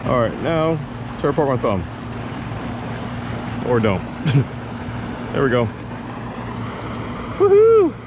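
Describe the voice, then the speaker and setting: A man's voice: medium pitch, huge pitch swings, slow, long pauses. A young man giving casual running commentary while fishing from a kayak on a lake, chatty and self-deprecating, talking to himself and to the fish. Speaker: fishing vlogger. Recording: outdoor water noise behind voice. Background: water and outdoor ambience.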